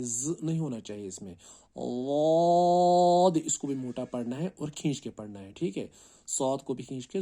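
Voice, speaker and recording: Man teaching Quran letters, warm low tone. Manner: explains slowly, then calls out each letter long and loud; often checks in with "right?". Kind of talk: teaching Arabic letter pronunciation.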